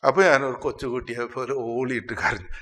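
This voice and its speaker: Male priest, Malayali accent, sermon, sudden rises and drops in loudness, long hall reverb. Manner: expressive, with sudden swings in pitch and loudness; slows down sharply to stress phrases.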